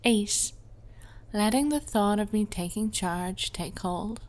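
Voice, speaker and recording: A woman playing an imperious, seductive princess hypnotist in a soft ASMR role-play, speaking slowly and closely, right in the listener's ear. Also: medium pitch, lightly acted. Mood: soothing, hypnotic.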